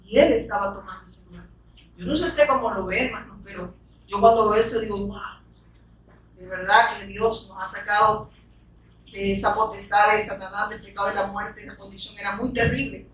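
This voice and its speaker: A woman's voice: medium pitch, steady tone, moderate pace, fairly bright tone. Fervent woman preacher in echoey church. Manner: fervent, frequent rhetorical questions and amens. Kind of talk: sermon. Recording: echoey room, distant from the mic.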